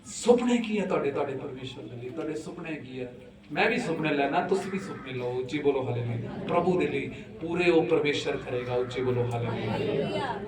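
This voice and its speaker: A man delivers a sermon, his slightly high voice dropping low and then rising loud as he urges the congregation to call back. He sounds far from the mic in a roomy church hall. The congregation is heard all around him. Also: lively intonation, fairly quick, a loud crowd. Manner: calls out for the congregation to respond aloud, switching between hushed and loud. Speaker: preacher.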